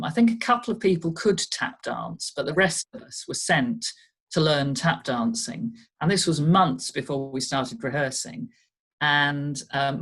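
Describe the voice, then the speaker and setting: An older woman, a guest on a video call, recalling her amateur acting days in a reflective, storytelling way. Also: low-pitched. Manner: reflective storytelling, light laughs. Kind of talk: casual interview.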